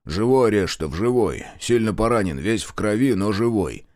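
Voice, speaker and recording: A man voicing a frantic male partisan commander who shouts orders in an audiobook. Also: fairly low pitch, animated, normal speed, close to an everyday voice. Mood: agitated.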